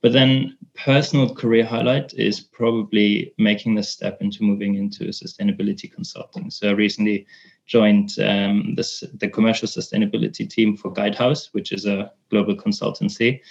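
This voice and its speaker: A man's voice: lowish voice, little pitch movement, moderate pace, gravelly. A man talking casually as a podcast contributor. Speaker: podcast co-host, sustainability consultant. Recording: slightly dull audio.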